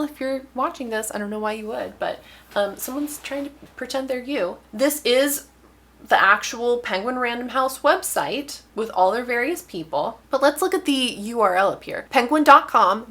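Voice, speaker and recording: A young woman author talking casually to camera in a wry, exasperated way, with lively emphasis. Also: a little high. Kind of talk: casual vlog talk to camera.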